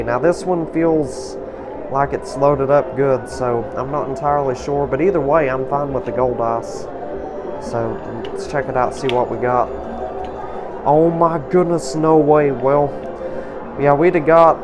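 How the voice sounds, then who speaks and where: A man gives casual gameplay commentary in a folksy, wordy way, circling back over his points. His voice sits at an ordinary male pitch, with loud music running behind it. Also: low-quality recording. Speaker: video channel host.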